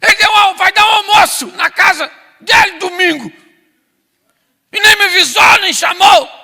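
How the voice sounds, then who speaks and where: A man voicing his upset wife, a middle-aged woman, shrill, loud and exasperated. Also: moderate pace, vocal fry, big-room sound, heavily acted.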